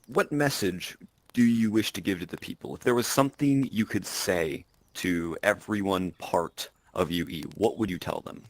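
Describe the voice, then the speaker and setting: A man hosts an interview with a very low voice. He asks brief, plain questions. He answers the guest with short acknowledgments. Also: moderate pace. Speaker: interviewer, host.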